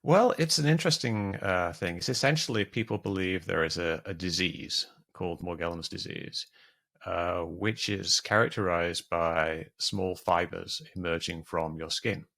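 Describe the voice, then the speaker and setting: A man's voice: deep voice, a little slow, vocal fry, fairly bright tone. A man being interviewed on a podcast, explaining things at length with frequent restarts and fillers. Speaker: guest, debunker of conspiracy theories.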